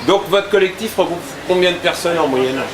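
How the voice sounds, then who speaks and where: A man's voice: high voice, brisk, reverberant, poor audio. A man in a mid-range voice asks questions outdoors and keeps things moving with short nods of agreement. Crowd chatter fills the background. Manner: prompting, brief affirmations. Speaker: local web TV interviewer. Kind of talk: street interview. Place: outdoor street rally.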